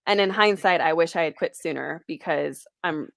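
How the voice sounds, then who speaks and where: A woman's voice: low-pitched, moderate pace, creaky, a bit bright, no echo, studio quality. A woman in her late twenties, a guest speaking candidly and reflectively in an interview conversation. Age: 20s. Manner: candid, reflective, laughs lightly.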